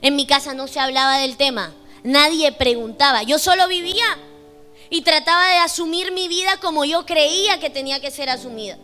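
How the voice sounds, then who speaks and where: Young female preacher, emphatic testimony sermon, high bright voice. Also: moderate pace. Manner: emphatic, preaching with rising intensity. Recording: faint music behind the voice.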